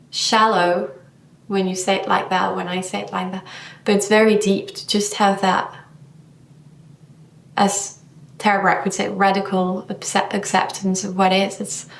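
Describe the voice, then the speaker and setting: Female yoga teacher, vlog monologue, unhurried and searching for words, sits back from the mic. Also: mid-range voice, gravelly, echoey room, recorded from a distance, a little hiss or hum. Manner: slow, thoughtful, searching for words.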